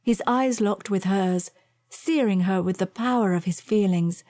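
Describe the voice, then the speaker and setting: Woman reading a romance novel softly. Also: mid-range voice, unhurried, no room sound, clean studio sound. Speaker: audiobook narrator. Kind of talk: scripted romance narration.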